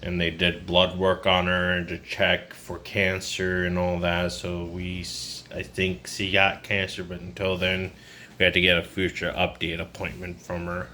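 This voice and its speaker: A twenty-something vlogger rambles through a casual personal vlog in a downcast, burned-out, confiding way. His delivery is completely flat and unhurried, in a low, bright and forceful voice, with a noisy ambient background.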